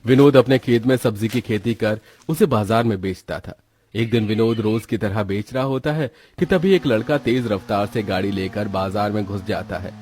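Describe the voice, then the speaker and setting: A man narrating a story in a steady, scripted storytelling manner with a husky voice. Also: on the low side, moderate pace.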